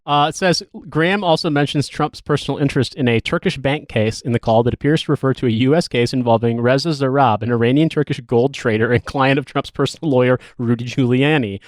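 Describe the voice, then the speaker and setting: A podcast host talks casually about politics, rambling, joking wryly and swearing. He has a mid-range voice and talks fast with hardly any pauses, and the studio sound is clean with no echo.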